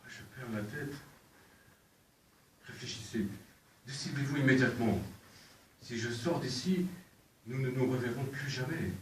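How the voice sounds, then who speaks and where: A man's voice: medium pitch, a little slow, pauses often, a little hiss or hum, natural voice. A man on an amateur stage playing a proud, flustered country landowner in love, declaiming and lurching between bluster and confession. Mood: flustered, proposing. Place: theatre stage. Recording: echoey, distant stage recording.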